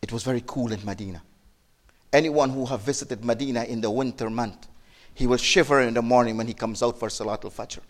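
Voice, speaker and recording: A man giving a sermon as a preacher, telling a story with emotive rises and hushed drops, repeating words and restarting. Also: steady tone, a little fast. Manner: emotive, rises and drops sharply in pitch and loudness; repeats words and restarts, non-native phrasing.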